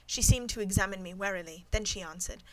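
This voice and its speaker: A woman's voice: mid-range voice, fast talker, a crowd in the background, low-quality recording. Woman reading a classic novel aloud. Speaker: audiobook narrator. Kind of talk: scripted narration of a classic novel.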